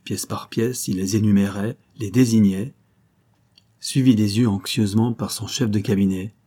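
A man reading a novel aloud in measured, dramatic narration, phrase by phrase. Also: fairly low pitch, steady tone, warm tone, slightly rough. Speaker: audiobook narrator. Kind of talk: scripted narration.

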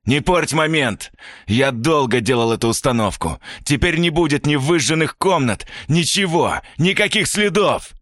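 A man voicing a cynical, arrogant young male villain inventor who mocks his captives in a slow, menacing drawl. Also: on the high side, animated, a bit bright, no echo, clean studio sound, pitched above the performer's own voice. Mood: gloating. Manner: gloating, mocking, drawn-out menacing delivery.

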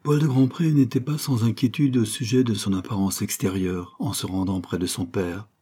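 Low, husky male audiobook narrator. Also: fairly even intonation, normal speed, mellow. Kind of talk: scripted narration of a classic novel.

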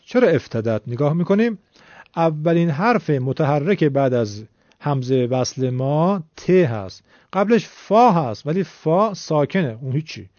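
A man's voice: a little high, very animated, a little mellow, no echo. Patient man teaching rules step by step. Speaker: Quran recitation teacher. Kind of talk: classroom-style lesson explanation. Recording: dull, lo-fi dry recording.

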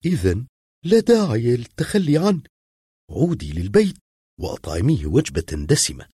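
A calm male vet speaks in a lifted, lively voice, as a man reading the story puts him on, reassuring with a dry, sarcastic edge. The voice is husky and close. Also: medium pitch, moderate pace, dry recording, pitched above the performer's own voice, exaggerated voice. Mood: wry. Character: calm, wry male veterinarian. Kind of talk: audiobook reading.

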